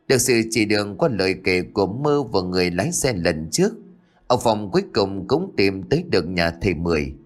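A man narrates a ghost story with a low voice that swings widely in pitch. His delivery is dramatic and expressive.

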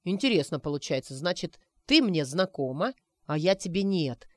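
A man's voice: on the high side, very animated, moderate pace, a bit bright, no echo. A woman voicing a cocky young man who teases a friend by pretending to be a wizard, in a playful, mock-mystical way. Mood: teasing.

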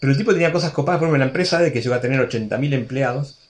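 A man's voice: medium pitch, racing, a little hiss or hum. Chatty Argentine man in his sixties. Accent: Argentine Spanish. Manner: chatty, with many restarts and asides. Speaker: radio guest. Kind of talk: casual storytelling interview.

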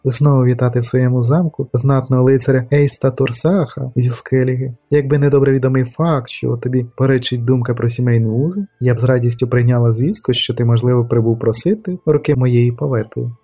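A man's voice: medium pitch, fairly even intonation, fairly quick, hardly any pauses, mellow, no room sound, clean studio sound, soft background music, lightly acted. A man voicing a teasing, regal middle-aged queen in an audiobook.

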